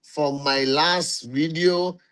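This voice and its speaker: Man on a livestream, slightly high voice, unhurried, greets followers by name, repeats himself for emphasis. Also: fairly even intonation, fairly bright tone, clear, resonant tone. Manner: greets viewers one by one, calls them warriors; slow, emphatic, repeats phrases. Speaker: network marketing leader hosting a livestream. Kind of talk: casual livestream address to followers.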